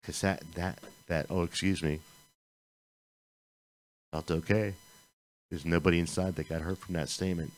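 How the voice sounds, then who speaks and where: Male speaker, low-pitched, earnest informal sermon, rambling delivery with restarts. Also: steady tone, brisk, poor audio. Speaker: speaker at a spiritual community service. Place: live-streamed community gathering.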